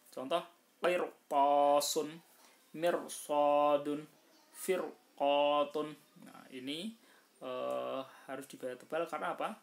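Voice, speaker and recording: A woman teaching Quran recitation rules, explaining slowly with many fillers and drawn-out recited examples. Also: extremely low pitch. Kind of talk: informal tajwid lesson. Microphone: phone screen recording.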